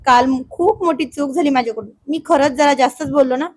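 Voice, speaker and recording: A woman's voice: sits high, fairly quick, lightly acted. A woman doing a proud husband coaxing his wife. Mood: pleading. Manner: pleading then mock-stern, playful.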